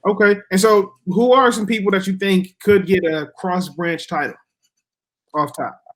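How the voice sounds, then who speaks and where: A man's voice: sits high, steady tone, normal speed, fairly bright tone. A man hosting a casual fight interview, asking questions in informal, slangy talk.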